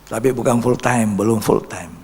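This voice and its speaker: A man preaching a sermon as a pastor, telling a testimony with sudden loud rises and soft drops. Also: fairly low pitch, moderate pace, slightly rough. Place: large church hall. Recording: church hall reverb.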